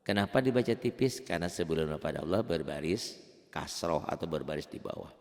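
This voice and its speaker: A man teaching beginners Quran recitation rules in a casual, chatty way, chanting slow drawn-out examples. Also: rumbling low, in a large hall. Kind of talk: online tajwid lesson for beginners.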